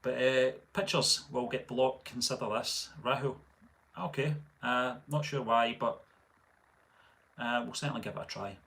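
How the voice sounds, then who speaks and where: A middle-aged Scottish man hosts a casual live stream for his channel, reading out viewer comments in a relaxed, rambling way full of fillers and restarts. His voice is mid-range and gravelly, and he speaks a little slowly.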